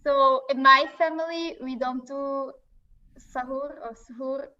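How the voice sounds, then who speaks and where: A woman from Belgium answers as a panel guest in short, plain sentences. Her voice is fairly high and very bright. The video-call sound is dull and lo-fi. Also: fairly even intonation, measured pace, distant mic. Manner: brief, plain-spoken answers. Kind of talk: casual conversational sharing.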